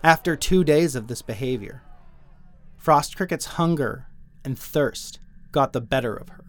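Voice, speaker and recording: A man narrating his own written audio story in a measured, dry storytelling manner. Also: mid-range voice. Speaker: writer and narrator.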